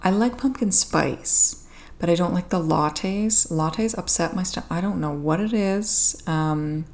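A young Canadian woman hosts a casual solo podcast through a podcast microphone with a pop filter. Her voice is a little low for a woman, slightly mellow and full of vocal fry, and she speaks unhurriedly. She rambles informally and makes self-deprecating jokes.

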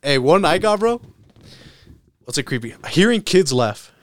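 Clear-voiced young frat-bro guy, slangy. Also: on the high side, sing-song, unhurried. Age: young adult. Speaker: podcast host. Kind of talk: casual chat.

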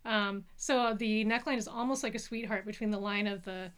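A woman co-hosting a podcast in casual chat, quick and wry, teasing her co-host and describing details carefully. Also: mid-range voice, steady tone, a bit bright, smooth. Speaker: podcast co-host, pattern maker.

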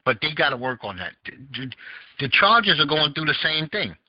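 Hosting a casual call-in podcast, a Southern American man talks fairly quickly in a slightly high, very animated voice. He rambles, searching for words and using lots of fillers. There's no room sound, and the audio is dull and lo-fi.

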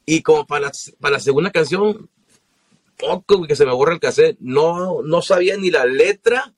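A man's voice: fairly high pitch, moderate pace. A man with a Mexican Spanish accent, a singer telling stories in casual podcast chat, slangy and profane.

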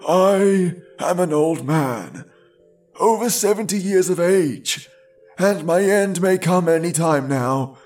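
A man voicing a gentle old bamboo cutter over seventy, speaking slowly and earnestly to his foster daughter in a storybook reading. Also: sits high, soft background music. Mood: earnest pleading. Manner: slow, earnest, pleading. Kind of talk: storybook read-aloud.

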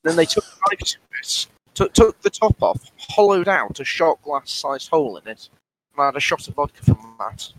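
A man chatting on a podcast, telling stories hesitantly with many restarts and pauses. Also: fairly high pitch, big pitch swings, a bit bright, low-quality recording. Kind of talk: casual podcast chat.

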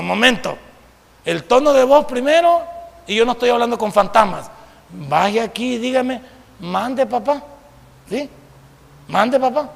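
A male pastor preaching a sermon, swinging between loud declarations and quiet asides and putting rhetorical questions to the congregation. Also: very high voice, creaky. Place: church sanctuary. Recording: long reverb of a church hall.

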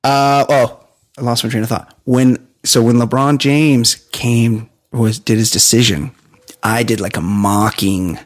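A man hosting a casual comedic chat, rambling and halting as he repeats himself. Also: medium pitch, fairly even intonation. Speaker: talk show host.

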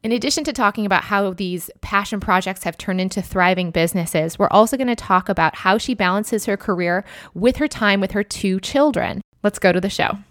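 A woman's voice: mid-range voice, a little fast, few pauses, fairly bright tone, dry recording. An enthusiastic woman hosts her own podcast, gushing over her guest. The sound is dry and close, with no room around it. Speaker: podcast host. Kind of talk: upbeat podcast intro and interview.

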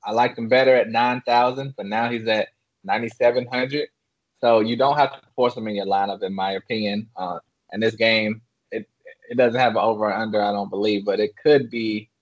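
A man's voice: on the low side, steady tone, fairly quick, no echo. A man co-hosting a casual sports podcast, easygoing and a little sarcastic, with filler words. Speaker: podcast co-host. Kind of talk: casual sports betting talk. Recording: dry, dull lo-fi sound.

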